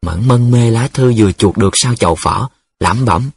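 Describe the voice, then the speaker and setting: A man narrating a novel as an audiobook in a steady storytelling read. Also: lowish voice, normal speed, vocal fry, slightly rough, dry recording.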